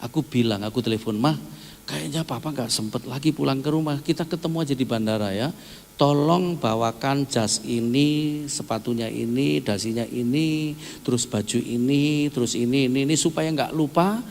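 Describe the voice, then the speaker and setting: A middle-aged male pastor, preaching in a storytelling way, acting out dialogue and rising to loud shouts. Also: medium pitch, moderate pace, creaky. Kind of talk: sermon. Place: church hall. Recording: long hall reverb, faint noise.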